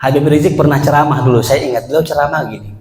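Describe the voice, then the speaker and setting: A man's voice: on the high side, fast, a little mellow. A man preaching a joking sermon in a mosque, addressing the congregation directly. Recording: echoey mosque hall.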